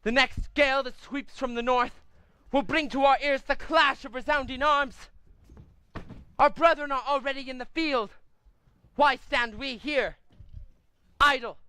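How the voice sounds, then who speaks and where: A man's voice: very high voice, fairly even intonation, a little slow, long pauses, sharp tone, clean tone, no room sound, heavily acted. A man voicing a fiery orator in a cartoon, speaking in an impassioned, declamatory way. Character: fiery orator rousing colonists to war.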